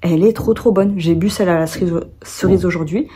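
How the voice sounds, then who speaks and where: A woman's voice: lowish voice, fairly quick, warm tone, husky. A young French woman vlogging in casual chat, rambling with many fillers and restarts, sleepy.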